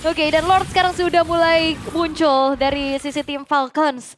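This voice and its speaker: A woman's voice: high voice, level tone, a little slow. A woman giving conversational live commentary as an esports caster. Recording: faint background noise.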